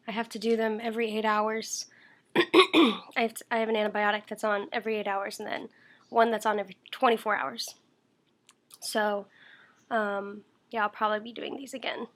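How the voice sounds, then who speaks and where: A woman's voice: fairly high pitch, a bit bright. Young woman rambling through a video diary. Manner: rambling, many fillers, talks while eating. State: unwell, tired. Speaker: vlogger. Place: at home, indoors.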